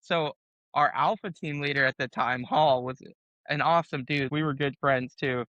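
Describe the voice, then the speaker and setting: Casting: male army veteran storyteller, loud and bright, salty language, dry close sound. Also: on the high side, normal speed, no room sound, muffled recording. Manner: laughing, profane, animated storyteller. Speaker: podcast guest, Army veteran. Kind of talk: casual storytelling.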